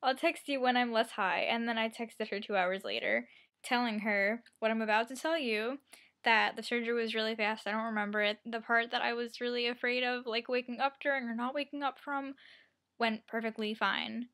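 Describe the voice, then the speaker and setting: A young woman with a fairly high voice talks like a vlogger catching up her viewers. She rambles through her story in a casual, self-deprecating way, slipping into quotes of herself and other people. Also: steady tone, a little fast, a bit bright. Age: young adult. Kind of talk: casual chatty personal storytelling.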